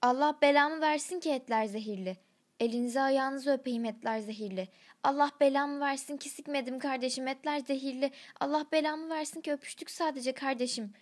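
A woman's voice: high voice, fairly quick, voice pushed up, lightly acted. A woman voicing a cocky young male bartender who swears crudely, then begs through tears. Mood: begging. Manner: crude, swearing, tearful pleading.

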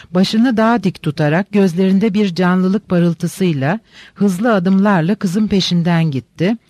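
A man reading a literary novel aloud in a measured, descriptive narration. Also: high-pitched, darkish tone, no room sound. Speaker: audiobook narrator.

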